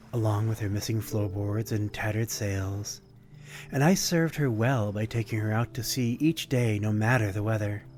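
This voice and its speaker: A man with a lowish voice performs a lightly acted intimate ASMR roleplay as a courtly, melancholy vampire stranger. His speech is formal, old-fashioned and gently wistful.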